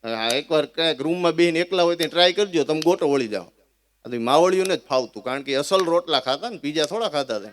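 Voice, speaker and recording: A man with a Kathiawadi Gujarati accent telling comic folk stories live, animated, often addressing his listeners as sir. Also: a little high, quick pace. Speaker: folk storyteller and schoolteacher.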